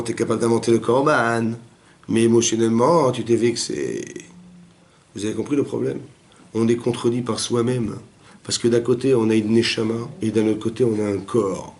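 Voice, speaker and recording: A man, a rabbi, giving a Torah class in a family home, animated and asking his listeners rhetorical questions. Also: mid-range voice.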